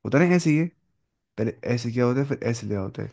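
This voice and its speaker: A man teaching Quran recitation in a relaxed classroom lesson, with a medium-pitched voice. He explains each rule conversationally and drops in English terms. He keeps asking "okay?" and slows down sharply to model each recited example. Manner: explains in conversational Urdu, often checks understanding with "okay?"; mixes in English words.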